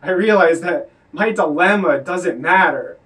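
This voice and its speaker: A man's voice: sits high, unhurried, fairly bright tone, distant mic. A man performing his own spoken word poetry live, with an earnest, confessional delivery.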